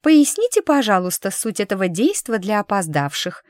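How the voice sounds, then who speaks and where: Sex: female figure, voiced by a woman. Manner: capricious, sharp, demanding. Pitch: high. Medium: audiobook. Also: big pitch swings, normal speed, no echo, studio quality.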